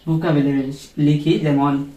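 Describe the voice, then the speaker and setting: A man's voice: on the high side, little pitch movement, warm tone, reverberant. A man with a Bengali accent teaching a beginners' English class at a whiteboard, repeating each phrase and translating it. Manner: slow, repetitive drilling of phrases with translations.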